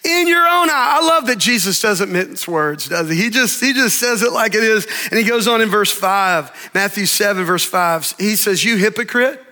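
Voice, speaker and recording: High, bright-voiced preacher in a hall. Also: male voice. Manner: animated preaching, dramatic pauses, acts out story voices. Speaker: pastor. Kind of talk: sermon. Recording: long reverb of a large hall.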